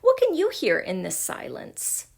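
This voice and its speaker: Woman playing a cocky caveman boy, mocking and loud. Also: mid-range voice, expressive, measured pace, vocal fry.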